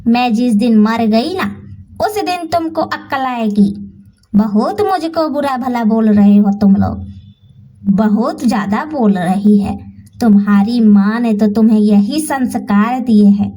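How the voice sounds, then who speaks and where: A woman voicing a nagging, scolding older mother-in-law who shouts at her daughters-in-law, heard from a distant mic. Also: fairly high pitch, unhurried.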